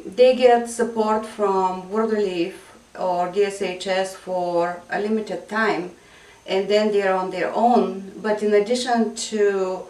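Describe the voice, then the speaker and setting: In a relaxed interview, the guest, a woman teaching English to immigrants and refugees, talks slowly in a medium-pitched, fairly even, slightly mellow voice. Reflective and sincere, she fills pauses with ums. The echoey room and her being a bit off-mic give a distant sound.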